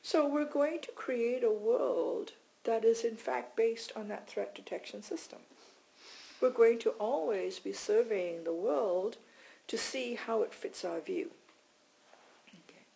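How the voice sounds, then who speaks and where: A meditation teacher, a woman with a slightly high, mellow voice and some vocal fry, speaks slowly on a low-quality recording. Her teaching is informal and conversational, full of repeated words and an added "right?".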